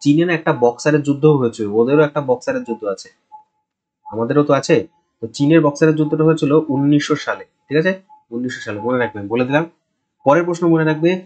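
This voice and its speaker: Male exam tutor, mid-pitched, chatty and repetitive, slightly muffled lo-fi sound. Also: a little mellow. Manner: conversational, repeats answers, tags "ঠিক আছে?" often. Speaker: exam coaching teacher. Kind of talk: casual online quiz lesson.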